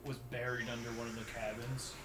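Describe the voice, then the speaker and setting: A man's voice: mid-range voice, little pitch movement, brisk, sharp tone, roomy sound. A young man co-hosting a let's play, telling stories casually and cracking jokes. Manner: joking, playful storyteller. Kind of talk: casual gaming commentary chat.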